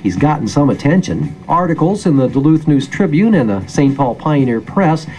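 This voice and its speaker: A man's voice: fairly high pitch, very animated, normal speed, mellow. A man with an American accent narrating a scripted news feature as a public radio reporter, in a storytelling manner.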